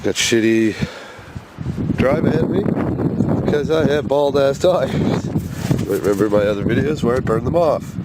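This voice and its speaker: A vlogger with a fairly low voice, hoarse and scratchy from a cold that has him stuffed up and froggy, rambles casually as he drives his truck through snow. He swears and laughs along the way, and the recording carries loud vehicle and road noise.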